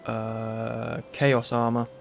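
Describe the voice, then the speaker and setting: A man's voice: medium pitch, completely flat delivery, extremely slow, gravelly, soft background music. A man with a London accent, casually reading through a list of game mods with a friend. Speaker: streamer. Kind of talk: casual gaming chat.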